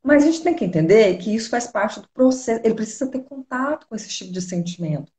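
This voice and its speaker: A Brazilian woman psychologist calmly explains and gives advice, often asking rhetorical questions. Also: on the high side, fast, roomy sound. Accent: Brazilian Portuguese. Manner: calm, advising, uses rhetorical questions. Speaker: psychologist guest. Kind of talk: explanatory conversation.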